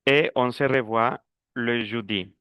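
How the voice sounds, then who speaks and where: A man teaching a beginner French class in Spanish, explaining slowly and mixing in French words. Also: mid-range voice, fairly bright tone, clean tone, no echo. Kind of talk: online language class.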